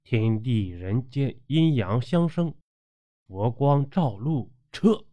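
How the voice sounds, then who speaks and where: A man's voice: mid-range voice, lively intonation, slow, dull audio. A man voicing a middle-aged woman exorcist who barks commands and chants spells in a storytelling narration. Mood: commanding.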